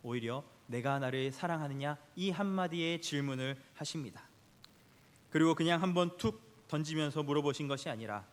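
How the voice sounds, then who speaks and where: A man preaching an earnest, measured sermon in a church sanctuary. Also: fairly high pitch. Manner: earnest, measured, reading scripture aloud with the congregation. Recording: long church reverb.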